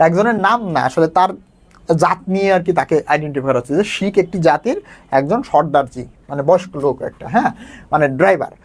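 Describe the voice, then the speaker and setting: A man's voice: on the high side, expressive, quick pace. A man teaching a casual exam lesson, explaining a story and often checking that his students follow.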